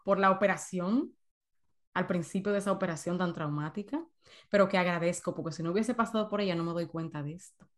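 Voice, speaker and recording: A woman coach giving an emphatic workshop talk on emotional eating, repeating points and calling out to her listeners. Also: mid-range voice. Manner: emphatic, repeats herself, addresses audience as señores.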